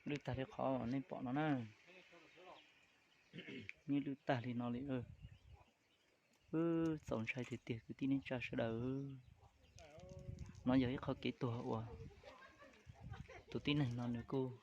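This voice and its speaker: A man's voice: mid-range voice, steady tone, normal speed, vocal fry, pauses often, a little mellow. A man talking casually and loosely, rambling from one point to the next. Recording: muffled recording with crowd noise. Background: crowd chatter.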